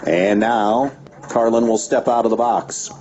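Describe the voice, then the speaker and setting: A man calling a high school baseball game play by play on local radio, giving steady pitch-by-pitch calls with stats between pitches. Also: a little slow. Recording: dull lo-fi radio broadcast with faint background noise.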